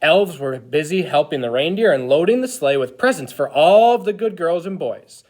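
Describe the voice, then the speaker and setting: An eager, childlike Christmas elf played by a man reads a storybook aloud to children. The delivery is exaggerated and expressive, with pitch that swings widely from phrase to phrase. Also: moderate pace, close to an everyday voice. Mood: eager storytelling. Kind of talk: animated picture-book read-aloud.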